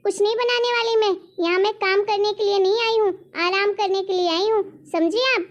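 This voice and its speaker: A very high, shrill young daughter, as a woman acts her out, spoiled, lazy and defiant, arguing back at her family in a cartoon story. The sound is dull and lo-fi. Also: fairly even intonation, brisk. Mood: indignant. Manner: indignant, argumentative. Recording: dull lo-fi recording.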